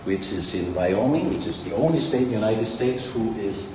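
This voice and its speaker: A Danish company founder with a lowish voice gives a rambling, boastful speech in a large conference hall, his intonation lively and his speed normal. A distant mic picks him up amid echo, faint ambience, and background noise.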